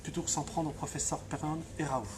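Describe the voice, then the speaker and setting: A man's voice: a little high, little pitch movement, fast, over music. A man from Franche-Comté answering interview questions with fiery emphasis, often restarting and repeating himself. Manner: impassioned, emphatic, with frequent restarts and repetitions. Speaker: activist being interviewed.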